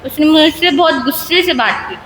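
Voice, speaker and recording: A woman's voice: high-pitched, moderate pace, fairly bright tone. A woman playing a scared young boy. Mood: upset. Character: frightened young village boy. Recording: echoey hall, faint background hum.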